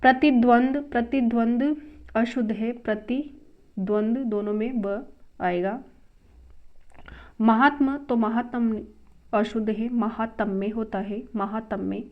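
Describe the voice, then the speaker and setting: Brisk woman teaching a grammar lesson. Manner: brisk, drills each word, louder and higher when naming a new word. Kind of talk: exam-prep grammar lesson. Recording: dull lo-fi sound.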